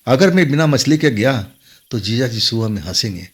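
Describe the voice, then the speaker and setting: A man's voice: mid-range voice, animated, moderate pace, slightly rough. A man narrating a first-person horror story in a dramatic, suspenseful way. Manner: dramatic, rises and falls with suspense.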